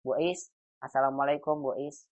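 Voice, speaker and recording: A man's voice: medium pitch, steady tone, moderate pace. A male teacher giving an online Arabic grammar lesson. He is patient and drills each phrase with a rising, emphatic tone. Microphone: video call. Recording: tinny phone-like call audio.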